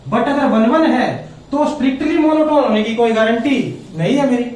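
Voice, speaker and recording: A man's voice: very high voice, expressive, measured pace, darkish tone. A male math teacher giving a classroom lecture, explaining step by step and checking often whether students follow. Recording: echoey room, voice from far off.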